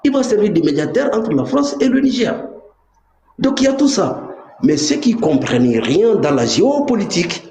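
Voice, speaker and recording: A man's voice: sits high, very animated, normal speed, mellow. Emphatic man in an echoey room. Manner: emphatic and insistent. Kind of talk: live political commentary. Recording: echoey room with faint noise.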